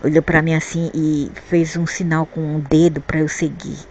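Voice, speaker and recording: Deep-voiced and flat in delivery, the Brazilian spiritual vlogger speaks at a moderate pace with a darkish tone over faint hiss or hum. Her personal story about spirits and the afterlife rambles, with repeated words as she searches for the next one.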